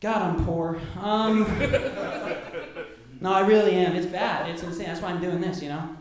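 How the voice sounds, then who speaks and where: A man's voice: high-pitched, steady tone, moderate pace. A man in his thirties performing a stand-up comedy set, sardonic and self-deprecating, swearing freely. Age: 30s. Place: comedy club stage. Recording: echoey comedy club room.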